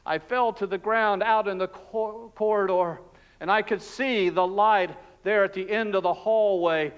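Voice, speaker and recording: A pastor acting out Barabbas, a frightened freed male prisoner, in an emotional, hushed and halting dramatic monologue in a church. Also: high-pitched, steady tone, smooth, dull audio. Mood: breathless. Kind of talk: dramatic first-person monologue. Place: church sanctuary.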